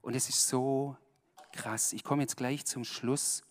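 A pastor giving a colloquial sermon, swinging between loud emphatic bursts and hushed asides, speaking directly to his listeners. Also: mid-range voice, steady tone, slow pace, big-room sound.

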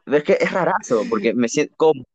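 A man's voice: on the high side, lively intonation, quick pace. A young man in casual chat, talking reflectively and telling a rambling personal story with many restarts. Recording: dull, muffled sound.

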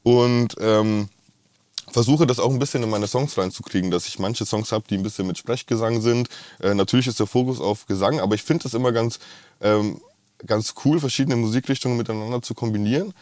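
A man's voice: medium pitch, brisk, a little mellow, no echo. A man with a rolled R, talking casually and enthusiastically as a musician being interviewed. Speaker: musician, singer-songwriter guest.

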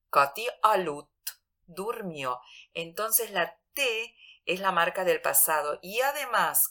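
A woman teaching a radio language lesson, patiently explaining and reciting example phrases slowly. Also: fairly low pitch, bright, forceful tone.

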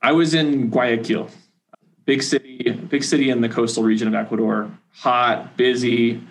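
Young man with a flat, even voice. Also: medium pitch, normal speed, rough recording. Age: 20s. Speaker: program volunteer leader. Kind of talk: casual interview answers.

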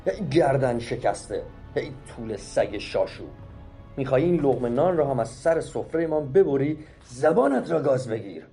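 A man voicing an old uncle who is quick-tempered and loud, shouting curses. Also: sits high, very animated, faint music behind, pitched above the performer's own voice. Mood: angry. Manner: shouting and cursing.

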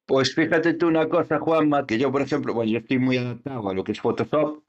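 A man chats casually as a podcast co-host, his mid-pitched voice wandering through fillers and restarts. The recording is a little dull and lo-fi. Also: quick pace. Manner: rambling, many fillers and restarts. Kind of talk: casual chat.

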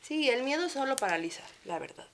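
A woman in her thirties with a Mexican accent, a guest telling stories in a relaxed, chatty way with frequent laughs. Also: high voice, fairly quick, a little hiss or hum. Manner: lively, chatty storytelling with frequent laughs and fillers. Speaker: guest architect. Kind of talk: casual interview chat.

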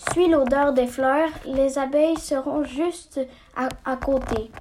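A woman voicing a small, weak but friendly bee in a storybook, reading slowly with stumbles. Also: sits high, fairly even intonation, a little mellow, slight background noise. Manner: slow, halting reading.

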